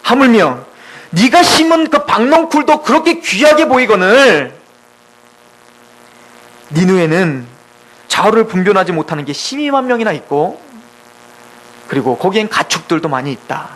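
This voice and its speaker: A preacher voicing God, slow and stern. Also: male voice, high voice, big pitch swings, a bit bright, exaggerated voice, poor audio. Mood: rebuking. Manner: slow, reasoning, rebuking. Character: God, patient stern father rebuking a prophet.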